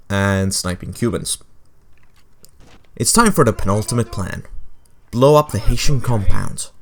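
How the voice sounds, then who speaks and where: Wry, low-voiced man narrating a game. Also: fairly bright tone. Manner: sarcastic, wry asides. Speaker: game commentator. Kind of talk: casual video essay narration.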